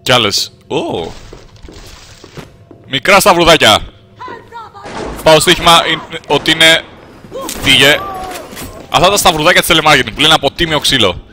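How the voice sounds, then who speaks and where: A man from Greece talks his way through a game in a sarcastic, joking running monologue. His voice is very bright and sharp, and his pitch swings around a lot. Faint music sits behind him. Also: expressive, long pauses. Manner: jokey, sarcastic running monologue, jumps to high squeals when startled. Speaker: game commentator. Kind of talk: comedic gameplay commentary in character.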